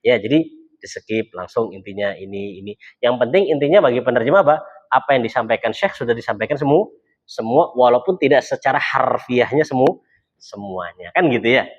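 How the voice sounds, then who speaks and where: A man teaching an Arabic class in a relaxed, chatty way, often repeating words and acting out short dialogues. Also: medium pitch, fairly quick. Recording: dull lo-fi recording.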